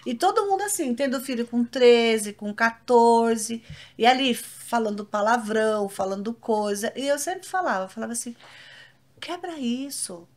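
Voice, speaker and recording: Woman host, slightly high voice, animated storyteller. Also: normal speed. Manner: tells personal anecdotes, animated retelling. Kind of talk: casual faith chat.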